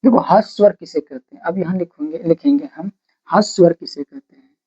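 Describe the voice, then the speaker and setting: Slow, repetitive grammar teacher on a dull recording. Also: medium pitch, dark tone, breathy edge. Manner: slow, repetitive dictation, breaking sentences into single words; asks questions and answers them itself. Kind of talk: blackboard-style grammar lesson, dictating notes.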